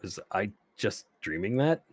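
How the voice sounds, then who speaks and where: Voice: low voice, very animated, a little slow, breathy edge, no room sound, clean studio sound. A narrator giving a dramatic first-person reading of a romance story, with casual asides.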